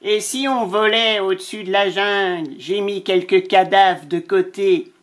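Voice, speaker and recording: A woman voicing a greedy, gleeful male vulture in a storybook reading, slowly relishing each word between buzzing scribble sounds. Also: mid-range voice, natural voice.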